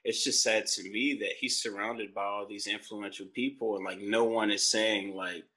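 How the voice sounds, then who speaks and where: Male co-host, bright voice, laid-back slangy delivery. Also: fairly low pitch, normal speed. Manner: slangy and relaxed, says "bro" and "you know what I'm saying". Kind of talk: casual chat.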